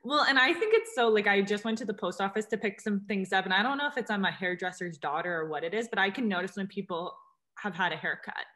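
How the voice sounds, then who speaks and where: A woman hosting a casual podcast interview, talking warmly with many "like" fillers. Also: medium pitch, lively intonation, quick pace. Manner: friendly, lots of "like" fillers. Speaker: podcast host.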